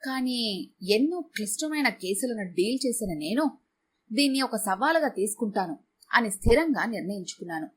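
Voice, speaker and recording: A woman narrating a first-person audio story in a calm, measured way. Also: on the high side, slightly rough.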